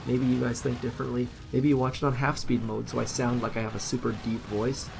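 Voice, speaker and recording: This gaming channel host, probably in his thirties, sits in a room at home narrating his mobile game and cracking jokes at his own expense. His mid-range voice is creaky and fairly flat in pitch, moving a little fast, with a noisy background behind him. He chats casually and thinks aloud as he plays.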